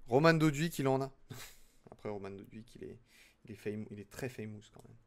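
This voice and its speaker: A man's voice: mid-range voice, lively intonation, moderate pace. A young man chatting casually with his live-stream audience as he builds, chatty and self-mocking. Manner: chatty, self-mocking, talks to chat while working.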